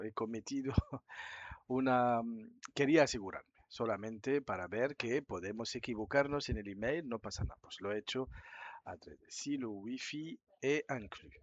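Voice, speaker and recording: A man gives a language lesson at an unhurried, deliberate pace. He lays out each phrase carefully and explains it with patient care. The recording is a little dull and lo-fi. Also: mid-range voice. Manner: slow, deliberate dictation with patient step-by-step explaining. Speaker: French teacher.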